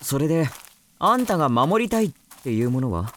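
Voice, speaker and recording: A woman voicing a gruff, blunt young male demon who has been wounded, in a voice drama. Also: low-pitched, very animated, brisk, slight background noise. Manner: blunt, rough-spoken. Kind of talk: voice drama acting.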